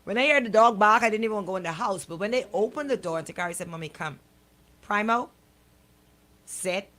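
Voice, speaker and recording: A middle-aged radio show host with a Caribbean accent chats casually on air, telling stories in a colloquial, emphatic style. Her medium-pitched voice sounds pushed and bright.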